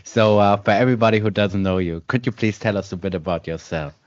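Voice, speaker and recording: A man's voice: fairly low pitch, fast talker, dry recording. A male podcast host asking friendly, polite interview questions and laughing often. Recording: dry, dull lo-fi sound.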